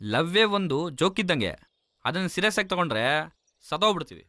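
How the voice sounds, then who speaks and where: A man's voice: sits high, sing-song, brisk, bright, forceful tone, no room sound, clean studio sound, exaggerated voice. An actor playing a joking young male friend who banters with his pals. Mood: bantering. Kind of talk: film acting.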